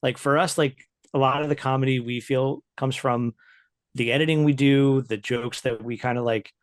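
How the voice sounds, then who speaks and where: A man's voice: medium pitch, fairly even intonation, normal speed, no echo. Chatty man, dry close sound. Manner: loose and chatty, many "like" fillers, laughs often. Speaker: podcast guest, writer and editor. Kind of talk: casual interview chat.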